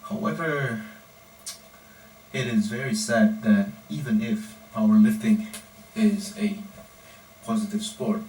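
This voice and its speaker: A man, a powerlifting coach giving a measured, deliberate personal monologue in short phrases. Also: medium pitch, lively intonation, darkish tone. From Indonesia. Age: 20s. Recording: roomy echo, distant mic, faint background noise.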